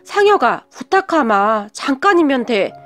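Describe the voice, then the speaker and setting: A woman voicing a destitute middle-aged birth mother who begs and pleads slowly. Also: sits high, expressive, soft background music. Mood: pleading. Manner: pleading, tearful, slow.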